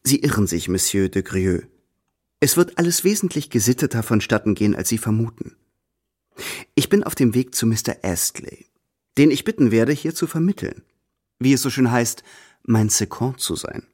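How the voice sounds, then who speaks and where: Radio drama: proud young tutor, composed and steady, middle voice. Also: male voice, mid-range voice, husky. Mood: defiant. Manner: measured, cool and composed. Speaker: first-person narrator and protagonist.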